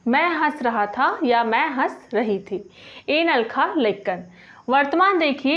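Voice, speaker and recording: A woman teaching a spoken grammar lesson, patiently repeating each example and slowing down on the example phrases. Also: high voice, muffled recording. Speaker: language teacher.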